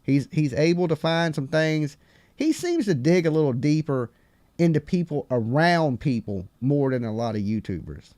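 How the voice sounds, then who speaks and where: A man's voice: on the high side, very animated, moderate pace, dark tone, no echo, studio quality. A man with a Southern US hillbilly accent, chatting casually and rambling as the host of a live call-in stream.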